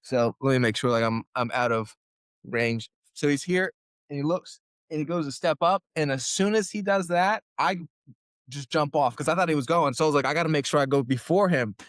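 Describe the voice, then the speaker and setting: A man's voice: a little high, brisk, no room sound, clean studio sound. Man telling a story on a podcast. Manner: animated storyteller, acts out his own quotes. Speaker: guest fighter. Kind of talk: casual storytelling interview.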